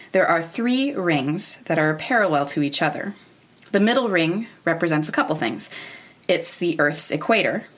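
An American woman in her thirties, from Oregon, narrating an educational show in an informal, wry, candid way. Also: low voice. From Oregon, United States. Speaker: podcast host. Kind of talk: semi-scripted educational narration about space history.

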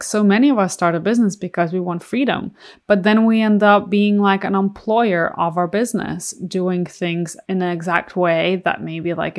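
A young adult woman hosting a solo podcast as a coach, talking in an earnest, confiding way with many casual fillers. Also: medium pitch. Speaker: podcast host, mindset coach.

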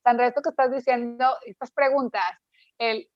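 A woman's voice: a little high, fairly even intonation, moderate pace, no echo, highs cut off. A woman with a Mexican Spanish accent, reflecting and telling a family story in casual conversation.

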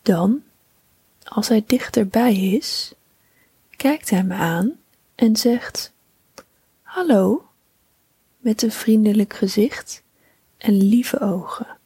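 A woman reading a bedtime story for children in a soft, whispering, soothing voice. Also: medium pitch, husky, dry recording. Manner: slow, soothing, calm.

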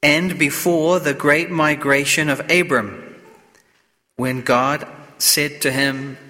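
A man, a priest, reading the gospel and preaching a homily at Mass in a slow, measured way, his voice carrying a cathedral echo. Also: a little high, steady tone, bright, forceful tone. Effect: cathedral-like echo with long reverb. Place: church during Mass. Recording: long church reverb.

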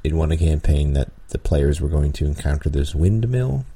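A man's voice: rumbling low, expressive, moderate pace, warm tone, slightly rough. A man hosting a podcast, giving tabletop game-master advice in a rambling, casual way with frequent chuckles and restarts. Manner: rambling, chuckles often, many ums and restarts. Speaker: podcast host and dungeon master.

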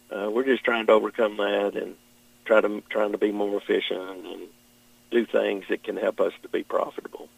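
A middle-aged man with a Kentucky Southern accent, answering interview questions as a farmer in a plain-spoken, halting, measured way. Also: lowish voice, creaky, rough recording. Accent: Southern American, Kentucky.

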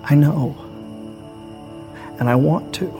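A fussy, nitpicking shepherd. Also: male voice, on the high side, slow, music in the background. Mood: wondering. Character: fussy, anxious male shepherd. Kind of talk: comedic church skit.

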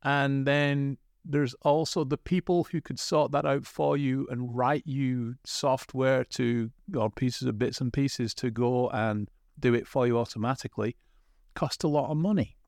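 A man's voice: mid-range voice, steady tone, a little slow, gravelly, a little mellow, no room sound, clean studio sound. A man from England, a former co-host back as a guest, chatting casually on a podcast in a rambling, stop-start way. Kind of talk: casual chat.

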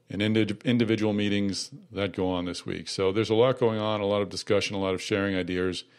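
A man's voice: lowish voice, a little mellow. A man hosting a podcast, introducing a guest and asking questions in a conversational, filler-heavy way. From Boston area. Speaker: podcast host.

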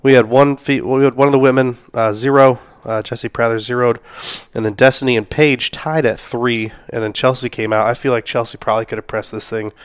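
A man's voice: mid-range voice, clean tone, dry recording, clean studio sound. A man hosting a solo podcast recap, sick and losing his voice, talking casually with many fillers and the odd cough. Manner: casual, lots of fillers, shout-outs. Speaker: podcast host.

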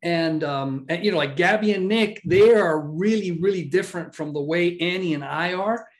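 A man's voice: high voice, normal speed. A middle-aged man, a podcast guest, speaking in a reflective, thoughtful way in casual conversation.

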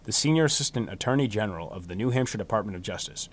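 A man hosting a true crime podcast, reading a scripted story in a solemn, measured way, with phrases that trail downward. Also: fairly low pitch, expressive. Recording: music behind the voice. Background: music bed.

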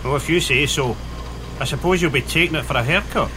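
A man's voice: on the high side, a little fast, sharp tone, slight background noise. An actor playing an affable, mock-formal workshop handyman with a dry sceptical manner in an audio comedy. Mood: dry, teasing.

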